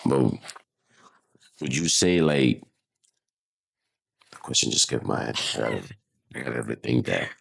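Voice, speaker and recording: A man's voice: rumbling low, vocal fry, husky. A young man from Nigeria hosting a podcast, asking questions in casual chat and agreeing with his guest bluntly and with energy. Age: young adult. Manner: animated, blunt, quick to agree. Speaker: podcast host.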